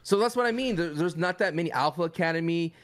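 Animated man co-hosting a podcast. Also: fairly high pitch, fast. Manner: animated, jumps into mock voices and restarts. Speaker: podcast co-host. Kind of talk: casual chat.

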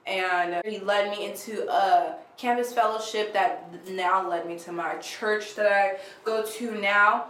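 Animated young woman, echoey room. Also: mid-range voice, unhurried, few pauses, a little hiss or hum. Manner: animated, filler-heavy testimony with laughs. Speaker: podcast co-host. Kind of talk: casual faith podcast chat. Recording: echoey room with faint ambience.

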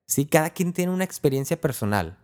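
A man giving a casual spiritual talk, speaking in a relaxed, conversational way and acting out small prayers and dialogues. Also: on the high side, fairly quick, smooth.

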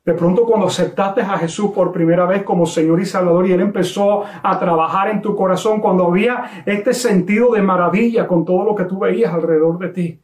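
A man preaching a sermon, telling a story with emphatic, slowly stressed phrases. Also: high voice, steady tone, a little mellow, roomy sound. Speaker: pastor.

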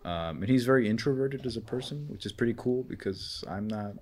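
Deep-voiced young man, rambling podcast chat. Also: expressive, brisk, a little mellow, slight background noise. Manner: rambling, heavy on fillers, joking and profane. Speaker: podcast host. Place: indoor room, in person.

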